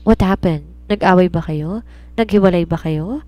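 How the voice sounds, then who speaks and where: A woman's voice: fairly low pitch, normal speed, no echo, lo-fi sound, lightly acted. A woman voicing a desperate young woman pleading with the man she loves in an audio romance story. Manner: pleading, emotional.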